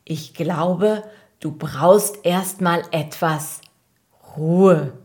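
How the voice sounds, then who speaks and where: A woman voicing a kindly farmer and doctor in a children's audio story, speaking gently. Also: lowish voice, very slow. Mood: caring.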